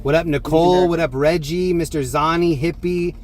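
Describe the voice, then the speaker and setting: A man's voice: on the high side, fairly even intonation, moderate pace. A man hosting a livestream from a car, chatting casually, thanking viewers and commenting on what is going on. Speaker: livestream host. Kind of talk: casual livestream chat with shout-outs and commentary. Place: car, out on city streets. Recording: very noisy moving car.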